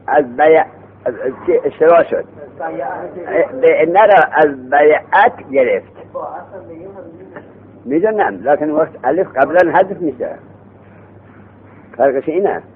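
A man teaching a lesson on grammar who quizzes his students and answers his own questions. He slows down to read the text aloud, then speeds up to explain it. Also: fairly high pitch, a little hiss or hum. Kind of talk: Arabic morphology lesson. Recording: tinny phone-like sound.

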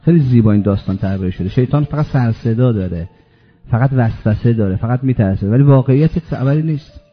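A man preaching a religious sermon. He tells stories and swings from low, slow reflection to loud, emphatic peaks. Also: slightly rough, lo-fi sound, soft background music.

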